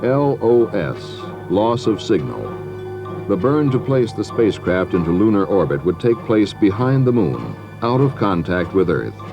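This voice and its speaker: A low-voiced man narrates a documentary with measured, dramatic pauses. His delivery swings expressively in pitch, over background music. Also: very animated, muffled recording.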